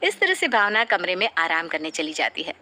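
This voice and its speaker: A woman narrating a cartoon moral story in an even storytelling manner. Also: lowish voice, brisk, slight background noise.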